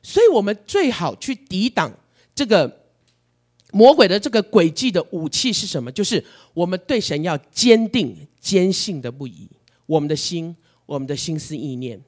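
A man preaching a sermon, telling his story in an animated, emotional way. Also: high voice, moderate pace.

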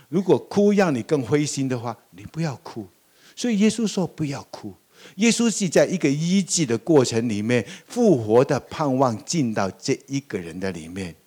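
Older pastor preaching with lively questions. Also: male voice, mid-range voice, slightly rough. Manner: lively, asks the congregation rhetorical questions, laughs often. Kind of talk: sermon.

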